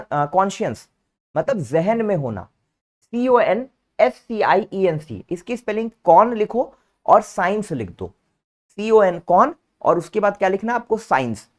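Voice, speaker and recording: A male teacher giving an online vocabulary lesson, patiently spelling each word out letter by letter and calling his students "beta" in a fond, coaxing way. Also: sits high. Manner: calls listeners "beta" fondly.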